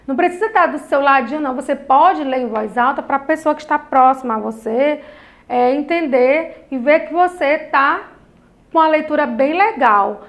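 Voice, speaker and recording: A woman with a high, bright-toned voice leads a lesson for young children. She talks in a sing-song teacherly way and slows right down to stretch out each line of verse as she reads it aloud. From Brazil. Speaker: primary school teacher. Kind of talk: online class for children.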